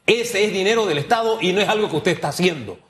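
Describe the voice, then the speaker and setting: A man's voice: high voice, lively intonation, fast talker, a bit bright, slight background noise. A man co-hosting a news talk show, giving opinionated and emphatic commentary and repeating words for stress. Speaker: co-host.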